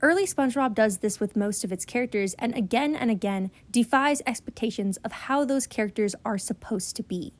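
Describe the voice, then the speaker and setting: A woman's voice: a little high, brisk, few pauses, no echo. Earnest woman narrating a video essay. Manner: earnest, explanatory.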